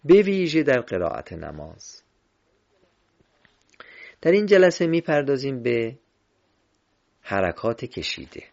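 A man teaching Quran recitation in a slow, deliberate lesson, drawing out vowels in his examples. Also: mid-range voice, big pitch swings, vocal fry, darkish tone, highs cut off. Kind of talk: instructional lesson.

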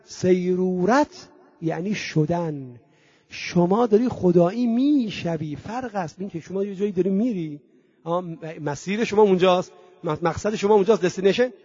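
A male preacher giving a sermon. He chants Arabic verses slowly and loudly, then explains them in conversational asides and drops in English words. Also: high voice, slightly rough, dry recording, muffled recording.

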